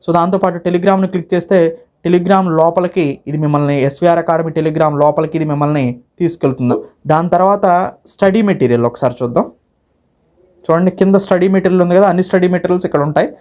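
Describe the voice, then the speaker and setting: Fast, mellow Tenglish-speaking Telugu man. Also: sits high. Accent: Telugu, Andhra Pradesh or Telangana. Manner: mixes English words heavily into Telugu (Tenglish); repeats phrases while demonstrating step by step. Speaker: online academy instructor. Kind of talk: informal course walkthrough for exam students.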